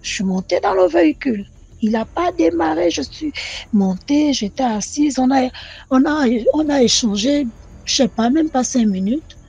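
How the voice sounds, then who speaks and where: A woman telling her own mystical experience in an animated, repetitive way, speaking directly to the channel. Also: sits high, moderate pace, vocal fry. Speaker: caller sharing a personal story. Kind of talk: personal testimony storytelling.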